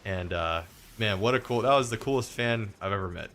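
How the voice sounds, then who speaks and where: A young man hosts a gaming stream and rambles through stories, acting out the voices of the people he quotes. His voice sits fairly low. Faint noise hums behind him. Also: a little fast, a bit bright. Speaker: streamer host. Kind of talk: casual chat while gaming.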